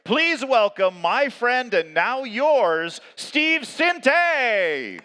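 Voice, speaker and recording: A man working as an event emcee, announcing a live competition in a showy, hyped style like a fighting game announcer, with drawn-out calls. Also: very high voice, big pitch swings, bright, forceful tone, smooth. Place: large indoor competition venue. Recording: echoing large arena PA.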